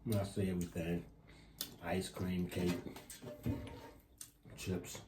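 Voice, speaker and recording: A middle-aged man co-hosting a vlog, chatting casually in short, halting phrases and repeating points for emphasis. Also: low voice, level tone. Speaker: vlog co-host. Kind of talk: casual chat at a meal. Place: indoor room at a table. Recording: echoey room, faint background noise.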